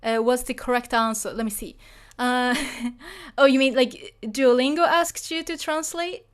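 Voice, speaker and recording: A Japanese woman teaches Japanese in English, with a Japanese accent, while answering a live chat. Her voice is high, smooth, and unhurried, and she sounds hesitant and apologetic, using lots of fillers.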